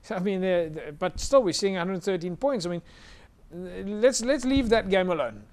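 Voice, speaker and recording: A man's voice: high voice, expressive, normal speed, a little mellow. A South African man hosting a live rugby show, presenting casually in a chatty, hesitant way.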